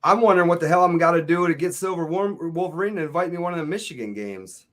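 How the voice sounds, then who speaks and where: A man with a slightly high voice chatting on a coin-collecting livestream. He cracks wry, grumbling jokes in a casual, offhand way. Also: fast. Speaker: livestream co-host.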